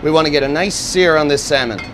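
Male executive chef, slightly high voice, lapel mic in a noisy restaurant kitchen. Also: quick pace. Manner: steady instructive step-by-step explaining. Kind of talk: cooking demonstration. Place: restaurant kitchen at a gas range.

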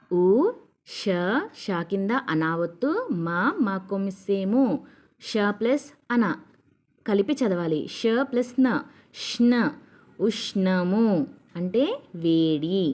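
A woman teaching children to read, spelling words out syllable by syllable in a patient, slow manner. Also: mid-range voice, dark tone. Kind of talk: reading lesson for children.

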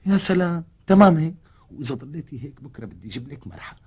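A man's voice: on the high side, big pitch swings, very fast, very noisy. An actor with a Syrian Arabic accent playing a harried husband who coaxes and sweet-talks his quarreling wives. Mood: coaxing. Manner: coaxing, exasperated, sweet-talking. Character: harried husband caught between two wives. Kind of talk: TV comedy acting.

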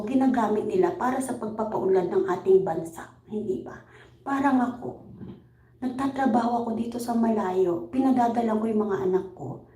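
A middle-aged woman vlogger from the Philippines talks in a chatty, casual way, laughing often and checking in with her viewers. Her voice sits a little high, with a mellow, soft tone. The room around her sounds roomy and echoey. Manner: chatty, laughs often, keeps asking "right?". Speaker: overseas caregiver. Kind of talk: casual livestream chat reading comments. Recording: roomy echo.

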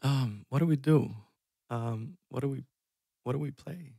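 This thirty-something man from Iceland takes his time, his mid-range voice warm with vocal fry as he chats loosely on a music live stream. He's self-deprecating and chuckles often, using a headset in a dark indoor room. There's no echo and the sound is studio-clean.

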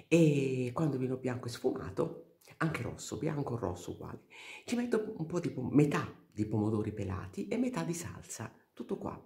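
An older woman with a hoarse voice chatting frankly in a home vlog, rambling and breaking off mid-sentence while she cooks and films on a handheld phone. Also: rumbling low, warm tone. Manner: rambling, self-interrupting, frank. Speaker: vlogger. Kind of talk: casual chat. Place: home kitchen, cooking.

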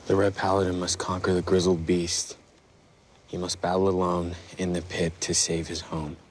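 A young man acting a brave, devoted teenage fighter in a screen drama, earnest and low-key. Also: level tone, moderate pace, slight background noise, lightly acted. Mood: resolute. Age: young adult.

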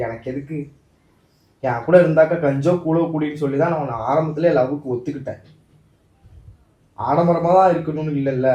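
A man's voice: a little high, mellow, roomy sound. A man acting out a couple's quarrel in a vlog skit, pleading and emotional.

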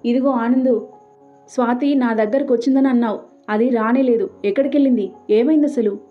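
A woman's voice: a little high, normal speed, faint music behind, natural voice. Brief: blunt, hot-tempered brother-in-law, played by a woman narrator, tinny phone-like sound. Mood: accusing. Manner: blunt and accusing. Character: worried hot-tempered man, wife's elder brother.

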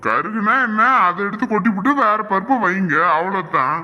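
A woman's voice: mid-range voice, expressive, a little fast, lo-fi sound, pitched below the performer's own voice, lightly acted. A woman voicing a brusque older father-in-law, drawling and dismissive. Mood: gruff, dismissive. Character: gruff older man, impatient father-in-law.

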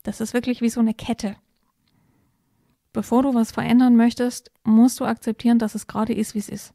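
Woman on a podcast, gravelly voice, pretty flat, dry close sound, explains things step by step. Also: on the high side, brisk, dry recording. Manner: explanatory, thoughtful, gives step-by-step advice. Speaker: podcast co-host explaining parenting topics. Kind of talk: casual podcast conversation.

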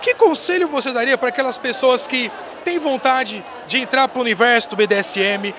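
A man in his thirties, an excited and playful interviewer, hyping his guest with a handheld mic in a busy indoor expo hall. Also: very high-pitched, normal speed, noisy background. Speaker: interviewer at a trade fair. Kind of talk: casual on-location interview. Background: crowd chatter of the fair.

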